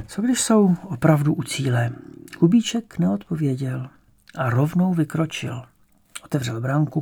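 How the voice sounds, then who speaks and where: A man calmly narrating a crime novel as an audiobook reader. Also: mid-range voice, gravelly, breathy edge. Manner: calm, measured storytelling.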